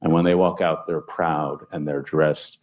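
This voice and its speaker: A man speaking on a conference panel, telling anecdotes with sudden upward jumps in pitch for emphasis. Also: level tone, unhurried, muffled recording. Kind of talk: panel discussion storytelling.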